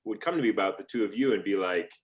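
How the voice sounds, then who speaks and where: A man with a somewhat low voice runs a relaxed talkback over a video call. He keeps things upbeat with jokes and quick questions. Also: highs cut off. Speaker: moderator.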